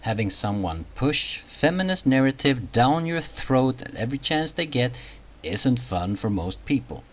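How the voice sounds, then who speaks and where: A man's voice: medium pitch, big pitch swings, measured pace, fairly bright tone, poor audio. A man hosting a reaction commentary video, talking in a sarcastic, mocking way.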